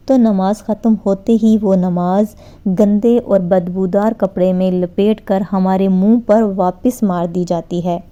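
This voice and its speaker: A woman giving an earnest religious lecture on prayer, exhorting her listeners and slowing down to model careful recitation. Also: mid-range voice, mellow. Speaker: Islamic preacher. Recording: dull lo-fi recording.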